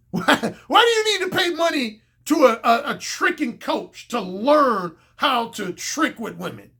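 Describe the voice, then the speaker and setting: A man's voice: extremely high pitch, animated, measured pace, creaky, sharp tone, husky. A man giving a casual, opinionated video monologue as a dating coach, confident and blunt, repeating points for emphasis.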